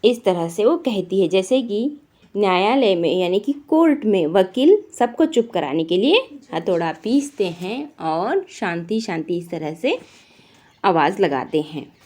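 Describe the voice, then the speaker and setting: A woman's voice: mid-range voice, very animated, a little slow, darkish tone. A woman teacher reading a textbook story aloud and explaining its words in simple terms.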